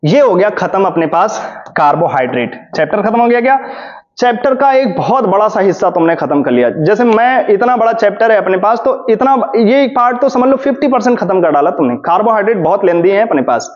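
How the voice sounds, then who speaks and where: Man, high voice, dull lo-fi sound; teacher running an exam revision lecture in Hindi-English mix, poses questions and answers them himself. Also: lively intonation, a little fast. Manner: explains step by step, often asks and answers his own questions. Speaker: chemistry teacher. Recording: dull lo-fi classroom recording.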